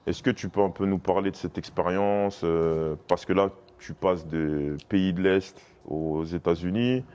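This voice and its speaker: A man's voice: low-pitched, unhurried, darkish tone, clean tone. A man interviewing a player casually, with long, rambling questions. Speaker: interviewer and scout.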